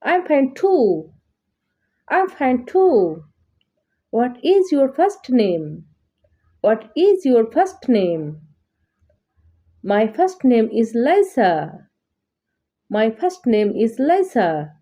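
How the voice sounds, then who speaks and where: A woman teaching English, saying each practice line twice in a slow, deliberate way for beginners. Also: a little high, very animated, warm tone, dull audio. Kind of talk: slow repeated dialogue drills for learners.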